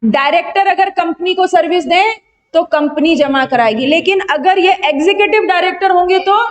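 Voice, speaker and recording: A young woman with an Indian accent runs an online revision lecture for exam candidates, firing off questions and answering them herself. Her voice sits high. She switches freely between Hindi and English technical terms. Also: moderate pace. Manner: quizzing students and answering her own questions. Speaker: GST exam tutor.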